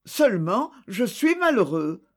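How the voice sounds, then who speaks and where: A poor old flatterer who whimpers for charity, as an audiobook reader voices him. He pleads in a lively, up-and-down voice and takes his time over each phrase. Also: medium pitch, unhurried. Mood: pleading. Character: whining poor older man, sly flatterer.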